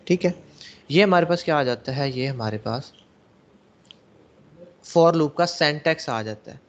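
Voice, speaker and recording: A man's voice: on the high side, expressive, a little slow, dull audio. A male programming teacher giving a classroom lecture, explaining step by step and answering his own questions to the class. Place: classroom with students.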